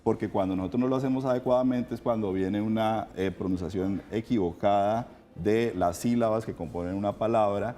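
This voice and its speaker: A man with a low, mellow voice explains diction in a calm, measured, teacherly way. He talks in a morning TV studio. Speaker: voice coach guest on a morning show.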